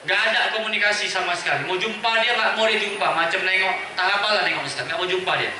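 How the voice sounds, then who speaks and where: A man in his thirties with a Medan accent preaches an emotional storytelling sermon, lively and chatty with playful asides. His voice is high and very bright. It rings heavily through a big echoey hall. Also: fast, far from the mic, a little hiss or hum. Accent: Medan Indonesian. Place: mosque hall at a religious gathering.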